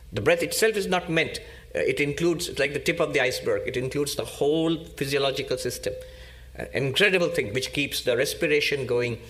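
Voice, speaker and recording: A man giving a spiritual discourse as a monk, teaching slowly and emphatically with pauses and repetition. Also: on the high side, a bit bright.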